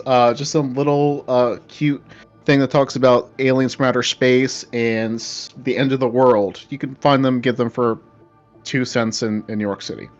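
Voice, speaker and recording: A man's voice: medium pitch, highs cut off. A man narrating as game master of a tabletop horror game, loose and rambling. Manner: loose, rambling, lots of fillers and restarts.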